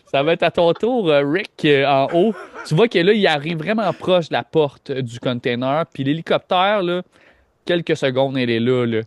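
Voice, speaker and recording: A man's voice: fairly high pitch, lively intonation, moderate pace. A man with a Québécois accent narrating a tabletop game as game master, rambling and hesitant, with lots of filler. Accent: Québécois French.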